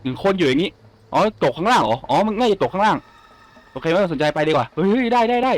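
A man giving casual Let's Play commentary on a shooter, exclaiming and repeating words in quick bursts. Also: on the high side, sing-song, dry recording. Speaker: gaming YouTuber.

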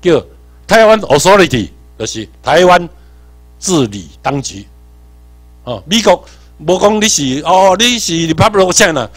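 A man from Tainan with a Taiwanese accent, giving an animated workshop lecture, quizzing the audience and swinging between emphatic and muttered asides. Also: high-pitched, a little slow. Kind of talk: seminar lecture mixing Hokkien and English terms.

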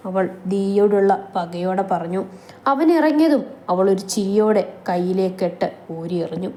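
A woman narrating a romantic story in a calm, even storytelling manner. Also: mid-range voice, normal speed.

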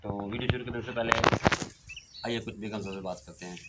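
A man's voice: fairly low pitch, quick pace. A middle-aged man hosting a family vlog outdoors in a village courtyard, talking in a chatty, reflective way with many fillers, filmed by a camera a few meters away. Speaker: vlog host. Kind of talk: casual family vlog talk. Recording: outdoor recording with background noise.

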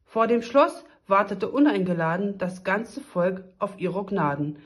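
Vorleserin mit rhythmischen Reimen. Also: female voice, mid-range voice, unhurried. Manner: lively, rhythmic rhyming delivery. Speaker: kindergarten story reader. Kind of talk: reading a rhyming children's story aloud.

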